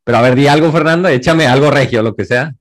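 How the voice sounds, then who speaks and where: A man's voice: medium pitch, fast talker. A young man from Tijuana, Mexico, with a Tijuana accent, hosting a casual triathlon podcast interview over a video call, chatty and full of fillers and slang. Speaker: podcast host.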